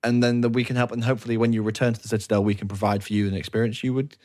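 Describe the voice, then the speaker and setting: A man's voice: medium pitch, flat delivery, racing, a little mellow, natural voice. A man voicing a meek human receptionist who stammers and apologizes. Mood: flustered.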